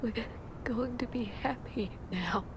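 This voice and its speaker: A woman's voice: fairly high pitch, slow, background noise. A woman playing a grieving, deluded woman who tenderly dotes on a puppet baby, in a fragile, half-whispered video game performance. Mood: tender gratitude.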